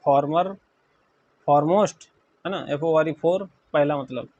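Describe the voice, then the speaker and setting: A man's voice: fairly high pitch, unhurried, a little mellow, highs cut off. A man from India teaching English grammar in a classroom-style lecture, spelling words letter by letter and often checking that students follow.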